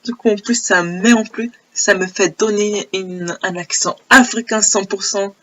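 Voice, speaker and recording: A young woman with a hoarse, low voice telling a personal story in a casual, animated way, repeating phrases for emphasis. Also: a little slow, muffled recording. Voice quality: low broken voice. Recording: old homemade audio.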